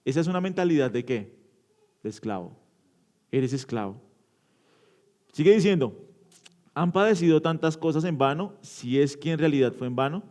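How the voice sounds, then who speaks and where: A man preaching an interactive sermon in a church, asking the congregation questions and answering them, shifting from loud emphatic bursts to low quiet endings. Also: lively intonation, moderate pace, pauses often. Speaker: pastor.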